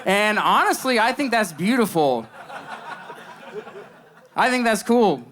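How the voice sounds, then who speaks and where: A young man performing a deadpan stand-up monologue for a live audience, telling stories with dry, mock-earnest understatement. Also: high voice, slow. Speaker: stand-up comedian. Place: live comedy show before an audience. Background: audience laughter between lines.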